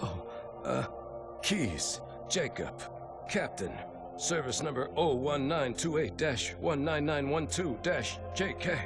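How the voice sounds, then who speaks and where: An actor playing a captured, middle-aged starship captain who recites his name and service number in a strained, halting way and breaks into anguished, defiant shouts, in a video game cutscene. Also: fairly high pitch, expressive, music in the background. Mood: disoriented. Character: captured veteran male starship captain, tormented but defiant.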